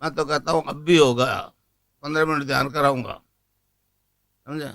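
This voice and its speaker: A man in his eighties giving a folksy spiritual discourse as a guru, speaking, asking rhetorical questions and chanting a mantra slowly. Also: fairly high pitch, fairly even intonation, creaky, a bit bright. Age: 80s.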